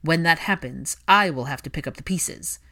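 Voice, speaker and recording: A woman's voice: low voice, normal speed, fairly bright tone. A woman reading fiction aloud and voicing a cold, curt young man with a dry, terse delivery. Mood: cold anger.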